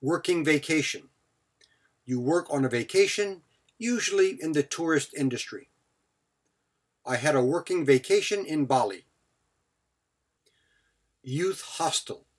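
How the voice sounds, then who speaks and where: A man with a somewhat high, slightly rough voice teaches a scripted English vocabulary lesson. He speaks in short, clipped phrases, each followed by example sentences.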